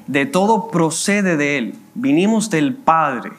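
A man with a Cuban Spanish accent giving a conversational sermon as a minister, slowing down to read scripture aloud. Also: a little high, expressive. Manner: conversational preaching, slows down reading scripture. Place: church.

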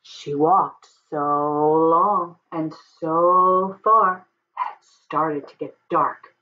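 A middle-aged woman reading a storybook aloud to children, with dramatic emphasis and deliberate pauses. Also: sits low, steady tone, narrow, tinny audio. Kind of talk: expressive picture-book read-aloud. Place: home office, indoors.

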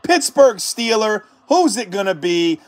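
A man hosting a card-break stream, calmly calling out cards and then shouting in hyped excitement at the big hits. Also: sits high, measured pace. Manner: hyped, shouting exclamations between calm card callouts.

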